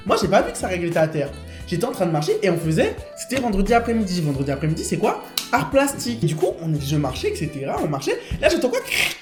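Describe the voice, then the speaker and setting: A man's voice: high-pitched, big pitch swings, fast. A young man telling a story in casual chat, acting out the dialogue with animation. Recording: roomy room with music behind.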